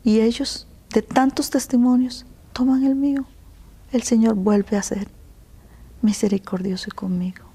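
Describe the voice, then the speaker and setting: A woman with a Costa Rican accent, telling her personal story in an interview, earnest and emotional, at times dropping to a soft whisper. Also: fairly high pitch, steady tone, a little slow, husky. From Costa Rica. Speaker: interview guest.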